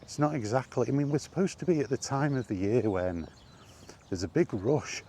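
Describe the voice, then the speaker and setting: A solo video game vlogger delivers an off-the-cuff, exasperated rant, emphatic and packed with rhetorical questions. His medium-pitched voice is expressive and warm, moving at a moderate pace over slight background noise.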